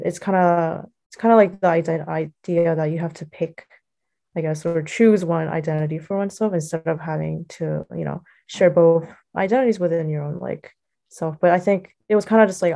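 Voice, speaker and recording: This interview guest, an American college student in young adulthood, speaks in a deep, creaky, mellow voice. Her reflective, casual answers come out hesitantly and loosely, packed with fillers like "like" and "you know."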